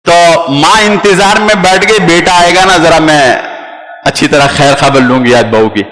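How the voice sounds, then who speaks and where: A man giving a storytelling sermon, animated, acting out family quarrels and calling his listeners brother. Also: a little high. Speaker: preacher. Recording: long hall reverb.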